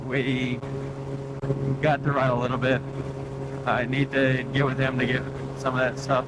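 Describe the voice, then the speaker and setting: A man vlogging from a moving motorcycle on a helmet mic, talking in a loose, halting, think-aloud way with wind on the mic. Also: medium pitch. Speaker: motovlogger narrating a ride. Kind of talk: casual rambling vlog chat. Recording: loud engine and wind noise on mic.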